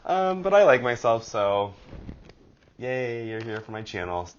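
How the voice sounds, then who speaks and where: A man's voice: medium pitch, big pitch swings, a little slow, dull audio, a little hiss or hum. A man with a nasal voice hosting a casual horoscope vlog, chatty and rambling with a self-deprecating streak. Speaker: astrology vlogger.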